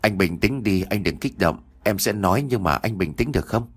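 A devoted, tearful young wife speaks in an audio story, as a male narrator voices her. She sounds anxious and pleading, in a low voice that moves widely in pitch. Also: lively intonation, normal speed, slightly rough.

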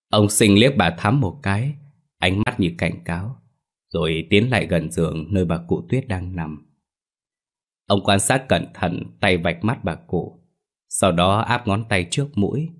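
A man reads a ghost story aloud in a very deep voice. His delivery is steady and dramatic, scripted narration for listeners.

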